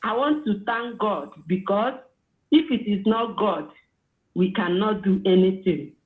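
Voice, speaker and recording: Sex: woman. Role: caller. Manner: slow, earnest, prayerful. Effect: clipped phone line. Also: medium pitch. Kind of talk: call-in on a live online show. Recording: echoey, tinny phone call.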